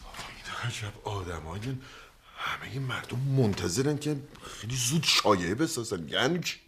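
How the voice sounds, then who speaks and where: A timid, skinny doctor gets defensive fast, his voice leaping up whenever he is flustered. He swings widely in pitch while protesting that he hates violence. A TV sitcom role. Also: expressive, noisy background. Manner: defensive, voice jumping up when flustered.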